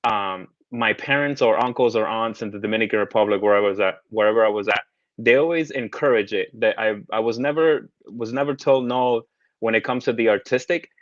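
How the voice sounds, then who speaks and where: A man in his thirties, raised between the United States and the Caribbean, speaks briskly in a low voice as a tarot-artist guest in a casual interview. He's hesitant, with many restarts and fillers. The recording is dry, dull, and lo-fi, with no room sound.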